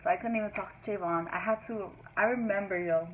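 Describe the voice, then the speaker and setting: A woman's voice: medium pitch, fast. Rambling young woman on a tinny line. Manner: rambling, many fillers like "like" and "whatever". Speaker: vlogger. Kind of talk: casual storytelling. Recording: tinny phone-like sound, faint hiss.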